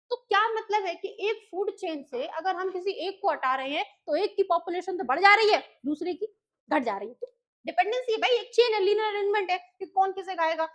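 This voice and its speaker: A very high-pitched woman teaching an exam revision class. She has an Indian English accent and keeps a chatty, animated flow, asking the class questions and answering them herself. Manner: lively, chatty, mixes Hindi and English, asks and answers her own questions.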